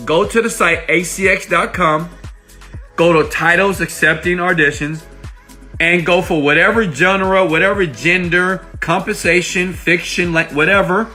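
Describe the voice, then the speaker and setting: Faint music sits behind a man whose voice sits high, with fairly even intonation, a measured pace and a sharp tone. He's an online money-making coach giving viewers an emphatic motivational tutorial pitch, checking in with rhetorical questions, captured with an iPhone microphone.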